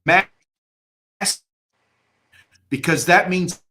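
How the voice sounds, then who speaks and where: A man's voice: sits high, very slow, bright, forceful tone. A man with a slightly slurry West Texas twang, chatting casually and effusively as host of a livestream.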